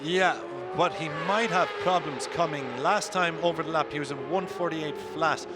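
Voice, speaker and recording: A man giving live motorcycle race commentary as a motorsport commentator, with an animated, emphatic delivery. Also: fairly high pitch. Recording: clear vehicle noise throughout.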